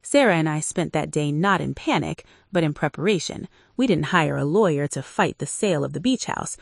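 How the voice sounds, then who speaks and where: Woman narrating a dramatic story in a low voice. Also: animated, fairly quick, vocal fry, breathy edge, dry recording, clean studio sound.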